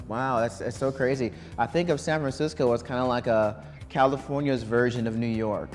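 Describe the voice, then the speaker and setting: A man's voice: medium pitch, steady tone, moderate pace, soft background music. A man hosting a live student quiz show in a college broadcast studio, chatting loosely with many ums and restarts. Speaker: game show host.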